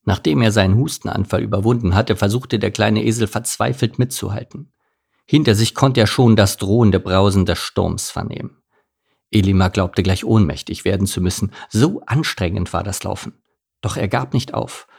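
Gravelly-voiced man reading a storybook. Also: fairly low pitch, moderate pace, a little mellow. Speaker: narrator.

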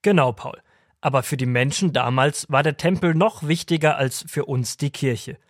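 A man playing a kind, patient old grandfather who tells children stories, gently teasing. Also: mid-range voice, no echo, studio quality, natural voice. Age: older. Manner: warm, gently teasing storyteller. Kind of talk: children's audio drama.

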